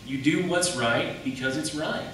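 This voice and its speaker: This county attorney candidate has a fairly bright, somewhat high voice and a measured pace as he makes his forceful case at a public debate, leaning on repetition and rhetorical questions. Picked up by a far-off microphone, the sound echoes through the big room over faint background noise.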